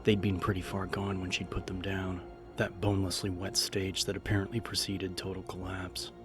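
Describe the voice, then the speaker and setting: This is a scripted dramatic audiobook narrated at normal speed by a man whose low voice hardly varies in pitch at all. Music plays clearly in the background throughout.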